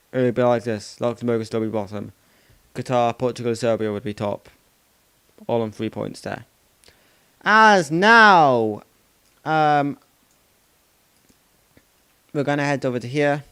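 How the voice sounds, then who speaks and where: This football channel host has a smooth, medium-pitched voice recorded without echo. His casual results rundown wanders, repeats "of course" many times, and is full of stops where he corrects himself.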